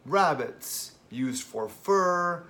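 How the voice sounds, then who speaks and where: A man's voice: fairly high pitch, expressive, very slow, bright, forceful tone. A man co-hosting a casual review in a campy, conversational way, dropping wry asides. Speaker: host reviewing a documentary.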